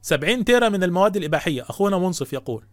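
An Egyptian man with a high voice delivers indignant religious commentary at a rapid clip. He scolds his listeners with rhetorical questions. The sound is dry and close. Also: animated, no echo. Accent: Egyptian Arabic. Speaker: host taking calls.

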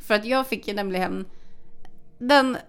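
A woman's voice: mid-range voice, clear, resonant tone. A woman co-hosting a podcast, telling a story in casual chat, swearing freely and acting out the dialogue. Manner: animated, swears a lot, acts out quoted dialogue. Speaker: podcast co-host.

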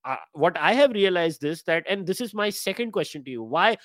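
A man in his forties with an Indian English accent, hosting a podcast interview and talking quickly and animatedly, mixing in Hindi. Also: high voice, lively intonation, a bit bright, no room sound, clean studio sound. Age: 40s. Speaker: podcast host. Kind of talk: conversational interview.

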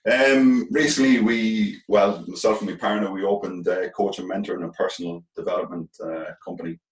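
A middle-aged man with a west of Ireland, Galway accent gives reflective interview answers. His voice is very low and fairly flat, and he is earnest, often repeating a phrase as he works out the thought. He sounds a little away from the mic in an echoey room. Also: recorded from a distance. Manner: earnest, halting, repeats phrases as they think aloud. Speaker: interview guest, former professional footballer turned coach.

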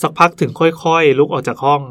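A man's voice: fairly high pitch, fairly even intonation, a little fast, a bit bright. A male podcast host reading listener ghost stories aloud in a chatty way, stopping now and then to comment. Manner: chatty, breaks off to joke and comment.

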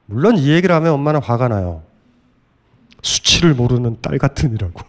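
A middle-aged man giving a lively, blunt philosophy lecture, often acting out scolding voices. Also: mid-range voice, fairly quick.

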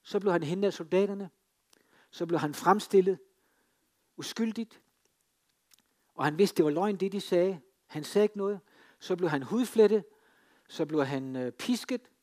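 A man delivers a sermon in a somewhat high voice. He tells it like a drama, pressing hard on some lines and dropping almost to a whisper on others. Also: long pauses. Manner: dramatic storytelling, swinging between emphatic and hushed. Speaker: preacher. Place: free church.

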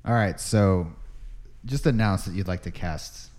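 A man narrating an improvised tabletop game as game master, setting scenes in a deliberate, pausing way. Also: low voice, darkish tone.

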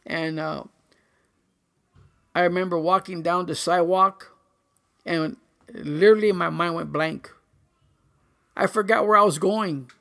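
Gravelly earnest man sharing testimony. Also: high voice, sharp tone. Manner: earnest, halting, with many pauses and fillers. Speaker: church member giving testimony. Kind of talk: personal testimony.

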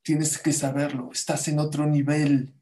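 Animated storytelling rabbi, a man. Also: a little high, unhurried. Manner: storytelling, animated, acts out quotes; addresses audience with questions. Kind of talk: Torah sermon.

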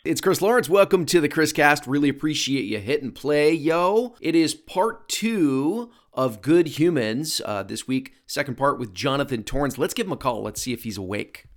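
A man hosting a podcast interview, upbeat and quick to laugh in casual chat. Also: on the high side, animated. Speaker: podcast host.

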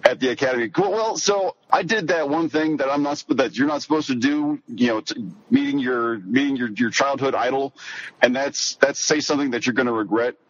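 A middle-aged man with an American accent telling stories in a halting, rambling way in a casual interview. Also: medium pitch, lo-fi sound. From rural Missouri, United States. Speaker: podcast guest, sword-fighting hobbyist.

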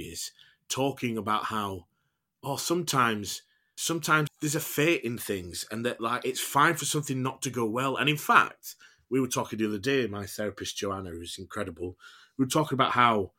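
A man's voice: fairly low pitch, bright, forceful tone. A man in his thirties with a Yorkshire accent, talking informally and reflectively in a candid interview. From Yorkshire, England. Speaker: actor, podcast guest.

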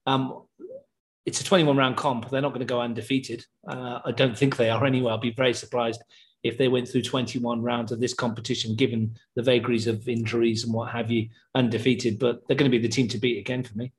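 Measured man talking football. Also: medium pitch, little pitch movement. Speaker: football pundit. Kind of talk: casual podcast chat.

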